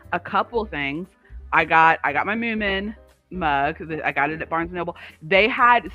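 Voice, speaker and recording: A livestream co-host with a sharp-toned, mid-range voice chats casually and informally. Her or his rambling personal stories are peppered with filler words, especially frequent uses of "like."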